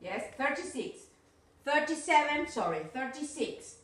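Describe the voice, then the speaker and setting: Rioplatense woman, young-learner English teacher, high and bright, recorded off-mic in a very echoey room. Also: distant mic. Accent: Rioplatense Spanish. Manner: animated, encouraging, mixes Spanish and English, slow repeated drills. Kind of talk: online video class for children.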